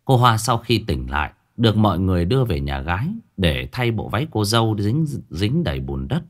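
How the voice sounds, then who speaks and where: A man narrating a folk ghost story in a colloquial, expressive storytelling manner. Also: on the low side, fairly quick. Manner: lively, colloquial, expressive telling.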